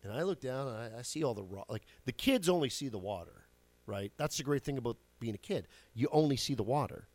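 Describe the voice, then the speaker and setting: An expressive, slightly mellow man's voice of medium pitch, a little fast, recorded dry. In his forties, he hosts a radio show and spins casual, chatty stories, swearing from time to time and laughing at his own jokes.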